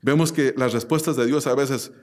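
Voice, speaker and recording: A man's voice: mid-range voice, fairly even intonation, normal speed, a little mellow. A male pastor preaching a sermon with emphatic repetition and rhetorical questions to the congregation.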